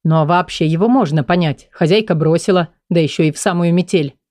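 A stern king with a heavy, brooding manner, speaking slowly and low in an audiobook story, as a woman narrator puts him on. The tone is dark and mellow, and the sound is dry and close. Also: no echo, natural voice.

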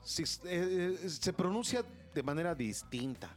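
A young man with a Mexican Spanish accent hosting a radio show, telling a story in casual, crude and animated slang and acting out the voices of the people in it. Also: high voice, unhurried.

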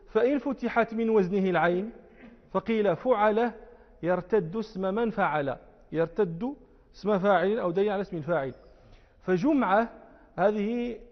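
A man with a high voice explains a classical text to his students, slowing down and repeating words to show their forms. The recording is dull and muffled. His voice rings on through the long reverb of a large hall. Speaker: religious teacher.

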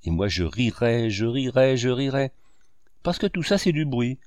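A man's voice: very animated, moderate pace, darkish tone, no room sound, studio quality, natural voice. A man voicing a mocking old male ranter. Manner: declaiming, booming laughter. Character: boisterous sarcastic old male painter, mocking. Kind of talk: audiobook character reading.

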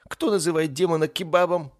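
A man's voice: on the high side, very animated, moderate pace, creaky, voice pushed up, heavily acted. A man voicing a small, whiny, cowardly young male demon who panics, pleads and whimpers. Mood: self-pitying.

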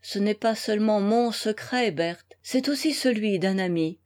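A grave, brooding husband from an old novel, read by a woman, speaking slowly with restrained bitterness. The manner stays sombre and controlled. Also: mid-range voice, darkish tone, lightly acted.

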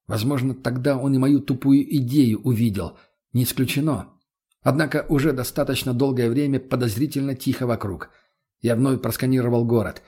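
A man narrating an audiobook in the first person with a plain, steady reading. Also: medium pitch.

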